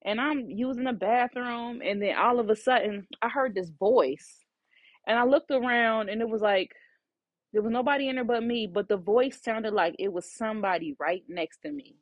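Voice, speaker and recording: A woman's voice: a little high, normal speed, dry recording, dull audio. A woman who works as a psychic medium tells a personal story casually and with animation, often saying "you know". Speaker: psychic medium and podcast host.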